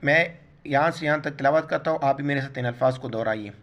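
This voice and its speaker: A man teaching Quran recitation word by word, spelling out letters and vowel marks, then slowly drawing out each recited word. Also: mid-range voice, fairly bright tone.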